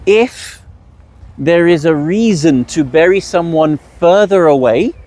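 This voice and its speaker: Brief: male workshop teacher, a touch higher pitched, patient, explains step by step and asks rhetorical questions. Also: animated, slow, darkish tone. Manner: asks the audience rhetorical questions, then answers them. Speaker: religious teacher leading a workshop.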